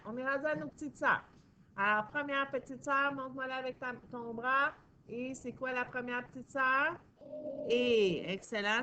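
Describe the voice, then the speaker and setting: Woman, teacher, phonics lesson for children, slow and patient, encouraging. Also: on the high side, sharp tone, a little hiss or hum. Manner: patient, encouraging, sounds out syllables slowly. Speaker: primary school teacher.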